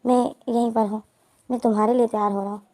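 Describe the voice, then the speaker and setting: Play a woman lending her voice to a gentle young lover in a storybook retelling who hides his hurt. He speaks softly and hesitantly, apologizing through tears. The voice stays fairly high and warm. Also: flat delivery, fast, close to an everyday voice.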